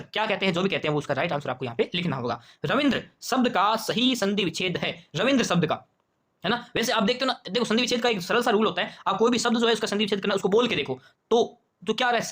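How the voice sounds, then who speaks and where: Rajasthani hindi guy teaching, high voice, talks fast, keeps quizzing and repeating himself. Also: a bit bright. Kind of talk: exam paper walkthrough lesson.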